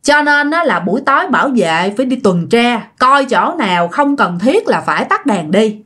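A woman with a Southern Vietnamese accent tells ghost stories in a relaxed, conversational way. Her voice sits fairly high and moves up and down in a lively manner. She often speaks straight to her listeners as she goes. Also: normal speed, slightly rough. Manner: chatty, addresses listeners directly. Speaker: storyteller. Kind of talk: casual ghost-story narration.

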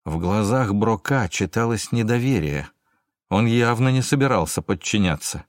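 A man narrating a thriller audiobook in a measured, steady way. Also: on the low side, dry recording, studio quality.

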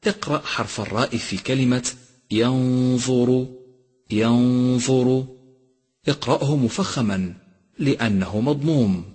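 A man teaching Quran recitation, slowly and carefully sounding out each example word. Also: on the low side, husky. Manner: slow, deliberate demonstration of pronunciation. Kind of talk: instructional lesson with recited examples. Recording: long hall reverb.

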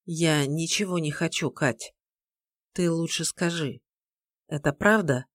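A woman's voice: low voice, slow, no room sound, clean studio sound. A woman reading an audiobook, voicing a curt, tense young man speaking firmly. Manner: curt, firm.

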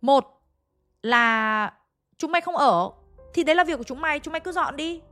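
A woman doing a shrill, scolding landlady. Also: animated, normal speed, fairly bright tone, faint music behind. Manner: scolding, high and cutting. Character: sharp-tongued middle-aged woman landlady, stubborn and shrill.

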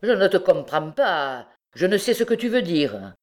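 A woman reading aloud, voicing an evasive, gruff male bandit. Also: lowish voice, sing-song, unhurried. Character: shifty guilty male bandit, rough.

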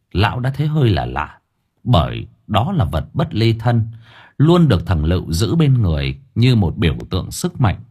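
Man, audiobook narrator, husky, animated delivery. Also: medium pitch. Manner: expressive storyteller. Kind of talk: storytelling narration.

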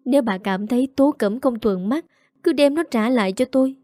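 A woman's voice: a little high, fairly quick, a little mellow, no room sound, studio quality, natural voice. A woman doing a wailing, desperate mother. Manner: wailing, pleading. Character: grieving desperate mother, middle-aged woman.

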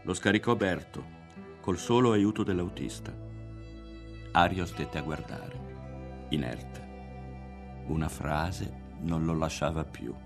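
A man narrating a novel aloud in a calm, measured reading. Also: deep voice, music in the background. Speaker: audiobook narrator. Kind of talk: literary reading.

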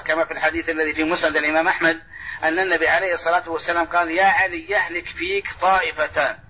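A man giving a mosque lesson as sheikh, explaining points and restating them. His voice sits high and sounds husky, and he talks quickly. The sound comes from a dull, lo-fi old tape. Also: bright, forceful tone. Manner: corrects and restates points, repeating phrases. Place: large mosque lesson hall.

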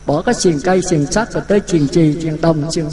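A man's voice: on the high side, a little fast, a little mellow. A man giving a Buddhist dharma talk, vivid and full of rhetorical questions. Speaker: Buddhist monk teaching. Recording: echoey hall.

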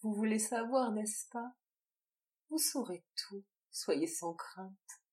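A woman's voice: medium pitch, slow pace, mellow, pitched above the performer's own voice, lightly acted. A woman reading the part of an anguished young woman confessing a secret child, in a despairing, impassioned way. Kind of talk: audiobook character reading.

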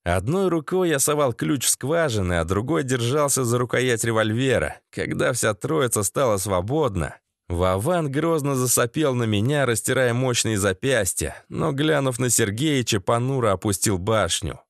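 Male narrator, animated delivery, slangy first-person audiobook. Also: medium pitch, normal speed, hardly any pauses, no room sound, studio quality.

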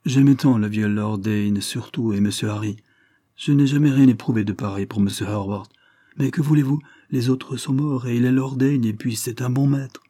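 A man's voice: medium pitch, fairly even intonation, normal speed, dark tone, no echo, studio quality, lightly acted. A man voicing an old, loyal male estate steward who talks in an agitated, pleading way. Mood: fretful.

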